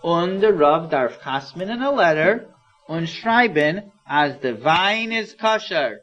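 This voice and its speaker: A man telling a story to young children, animated and singsong, with plenty of repetition. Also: fairly high pitch, slow pace. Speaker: storyteller and educator. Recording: dull old cassette transfer.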